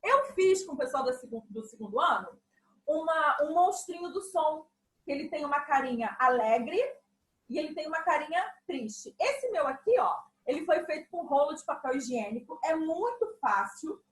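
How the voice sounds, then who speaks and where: A woman music teacher giving a patient, animated lesson to young children. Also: sits high, normal speed, roomy sound, poor audio. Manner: patient, animated explaining with examples.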